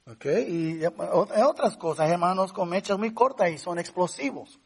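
A man's voice: high voice, normal speed, darkish tone, husky. A man preaching a conversational sermon as pastor, rising to emphatic points now and then.

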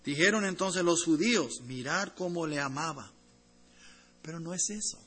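A man preaching a sermon to his congregation. He swings between loud, emphatic lines and hushed, tender ones. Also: fairly high pitch, animated, moderate pace, slightly rough. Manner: addresses congregation as brothers.

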